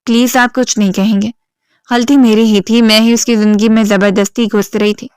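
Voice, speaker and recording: A woman reading the lines of a gentle young woman of twenty-one in a storybook narration, soft and pleading in manner. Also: on the high side, flat delivery, clean tone, dry recording, studio quality, lightly acted. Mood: tearful.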